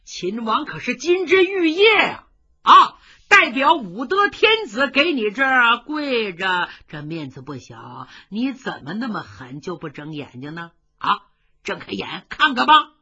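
A woman playing a rowdy, joking older general in a told story, loud and high-pitched, teasing his sworn brother. the voice is bright and a bit husky, and it swoops all over. the recording is dull and lo-fi. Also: big pitch swings, a little slow, exaggerated voice. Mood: coaxing. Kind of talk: traditional storytelling.

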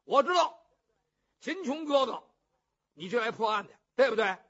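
A brash young warrior bellows and blusters in a very high, ringing voice, as a male storyteller puts him on. The tone is husky and the recording sounds muffled and lo-fi. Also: big pitch swings, normal speed, heavily acted. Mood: boisterous. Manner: shouting, blustering.

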